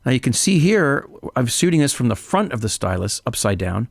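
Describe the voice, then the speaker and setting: A man's voice: medium pitch, big pitch swings, fairly quick, vocal fry, no echo, studio quality. A man hosting a vinyl video, explaining in a chatty, upbeat way with frequent fillers and self-corrections. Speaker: vinyl channel host. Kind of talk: casual how-to explanation.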